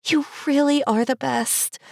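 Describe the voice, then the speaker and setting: A woman voicing a perky, excitable woman in her late twenties with a gushing, bubbly manner, as a cozy mystery audiobook character. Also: high-pitched, unhurried, creaky, no room sound, studio quality, pitched above the performer's own voice. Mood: bubbly, grateful.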